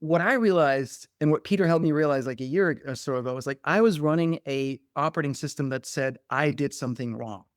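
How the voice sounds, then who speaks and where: This fairly high-pitched man speaks a little fast with few pauses, in clean studio audio without echo. He's a middle-aged coach from Denmark, guesting on a podcast in a conversational interview, sounding reflective and animated and leaning heavily on "like."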